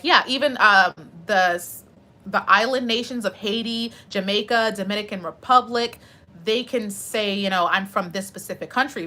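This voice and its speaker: Woman streamer, young adult, casual chat, bright forceful tone, chatty. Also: medium pitch. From United States. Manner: chatty, animated, answers chat questions. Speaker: live streamer.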